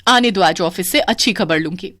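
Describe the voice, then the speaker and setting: A woman voicing a greedy, excitable young wife whose voice goes shrill. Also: normal speed, dry recording, studio quality, lightly acted. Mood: scolding.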